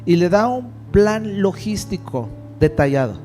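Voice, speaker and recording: Lively preaching man over soft music. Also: high voice, unhurried. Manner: lively, conversational preaching with jokes and rhetorical questions. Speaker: pastor. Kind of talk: sermon.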